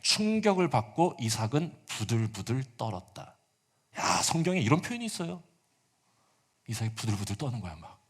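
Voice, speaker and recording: A man's voice: mid-range voice, big pitch swings, moderate pace, slightly rough. A male pastor preaching a sermon, retelling a story with casual asides and acted-out quotes.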